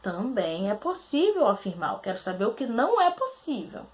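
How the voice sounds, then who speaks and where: A woman teacher from Brazil going through quiz answers, asking questions aloud, answering them herself and spelling out syllables slowly. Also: fairly high pitch, big pitch swings. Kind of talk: recorded grammar lesson.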